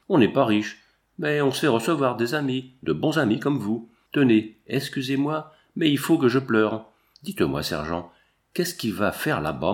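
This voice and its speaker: A man's voice: medium pitch, close to an everyday voice. A man voicing an older, emotional immigrant wife who talks in a pleading, folksy way while reading a storybook aloud.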